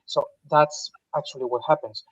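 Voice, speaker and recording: A man's voice: a little high, steady tone, moderate pace, slightly rough, no room sound. Guy making his point bluntly, muffled underwater-sounding headset mic, dull and dead dry. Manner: emphatic, blunt. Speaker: panel guest. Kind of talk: casual online discussion.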